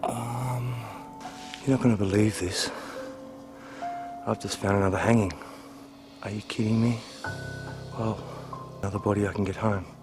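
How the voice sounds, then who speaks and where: Low aussie bloke w/ laconic outback drawl, vlogging on a handheld cam, music loud behind him. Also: male voice, steady tone, measured pace, long pauses. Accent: Australian. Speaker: YouTuber exploring eerie places. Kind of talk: handheld vlog commentary. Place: outdoors in a forest. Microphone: handheld camera. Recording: outdoor handheld camera audio under loud music.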